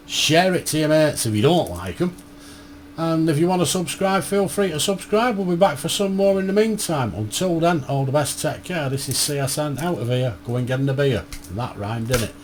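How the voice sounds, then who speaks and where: A man's voice: a little high, animated, normal speed. Bloke rambling on in his radio shack, knackered, blunt slang, bit of noise behind. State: tired. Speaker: ham radio vlogger. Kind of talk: casual chat to camera.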